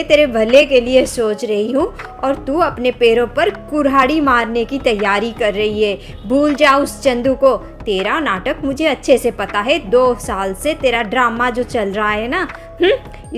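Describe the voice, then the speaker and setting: A woman voicing a scheming, boastful middle-aged village stepmother in a cartoon story, sharp-tongued and scolding. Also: on the high side, lightly acted. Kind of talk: Hindi cartoon story voice acting.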